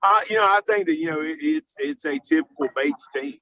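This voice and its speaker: A man speaking off the cuff as a high school football coach in a sports interview, halting and often restarting his phrases with lots of filler. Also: sharp tone, dry recording, rough recording.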